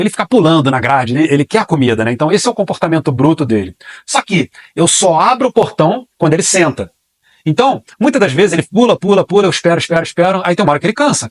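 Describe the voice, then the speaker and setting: A man's voice: on the high side, no echo. A Brazilian man teaching a dog training class, explaining step by step and asking and answering his own questions. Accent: Brazilian Portuguese. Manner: explanatory, repeats key phrases, asks and answers own questions.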